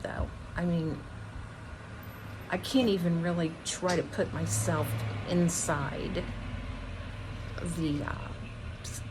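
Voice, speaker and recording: A middle-aged woman with a low voice talks casually to the camera from a small front porch. She rambles along conversationally, leaving trailing pauses, with some outdoor noise behind her. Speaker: vlogger. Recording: noticeable outdoor background noise. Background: outdoor ambience.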